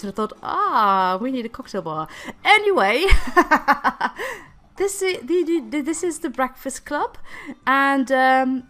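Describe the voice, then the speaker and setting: Still getting over laryngitis, a woman who makes gaming videos talks casually about her game in a slightly high, bright, somewhat nasal voice. She laughs a lot and speaks hesitantly, tripping over repeated words and stalling, with soft music in the background.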